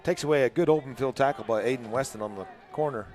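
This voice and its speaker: A man's voice: mid-range voice, fast, a little mellow. A man giving brief, laid-back color commentary on a football game.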